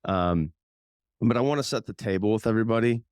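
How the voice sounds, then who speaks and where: Deep-voiced, chatty male podcast host. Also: a little fast, a little mellow, clean tone, no echo, clean studio sound. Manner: chatty, rambling, with many fillers and restarts. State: slightly hoarse from a cold. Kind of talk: casual podcast hosting.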